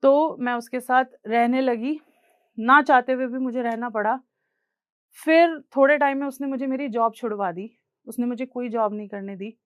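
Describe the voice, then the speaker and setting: A young woman with an Indian accent shares her own life story from a stage. Her voice sits a little high and comes across smooth and resonant, recorded dry with no room sound. She speaks earnestly and plainly, mixing English words into her sentences. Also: normal speed, dry recording. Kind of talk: personal story told on stage.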